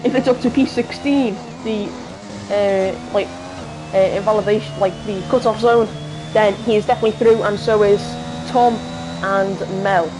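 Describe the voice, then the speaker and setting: Excitable Liverpool woman calling a race. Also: mid-range voice, music in the background, low-quality recording. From Liverpool, England. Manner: excitable, jumps up on crashes, halting with many fillers. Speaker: commentator. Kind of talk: live sim-racing commentary.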